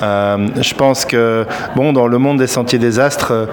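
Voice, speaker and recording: A man talks through his ideas in a slow, searching way, dotted with hesitations. His voice sits at an ordinary middle pitch. A faint hiss of background noise sits under the recording. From Belgium. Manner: thoughtful, hesitant, many filler pauses. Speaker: fantasy author. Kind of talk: reflective interview answers.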